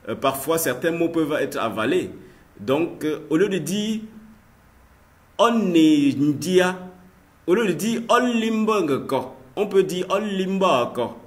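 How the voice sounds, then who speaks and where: A male teacher giving a recorded language lesson, unhurried and measured, stopping often to hesitate. He calls out each vernacular word louder and higher. Then he drops his voice to explain it. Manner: hesitant, with frequent "euh" fillers and repeated words.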